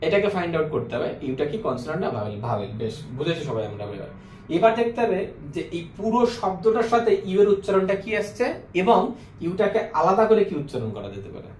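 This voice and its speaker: A man teaching an English grammar lesson who keeps asking the class questions and then answers them himself, slowing down to spell out and repeat words. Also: high voice, very animated, darkish tone, roomy sound, slight background noise.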